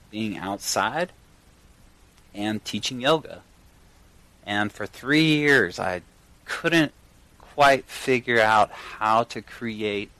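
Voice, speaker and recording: A man speaking earnestly and enthusiastically to listeners in a personal monologue, with deliberate phrasing, recorded in a garage as a podcast host. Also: on the low side, a bit bright, low-quality recording. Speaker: podcast host and yoga teacher. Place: in a garage, recording at a home studio setup.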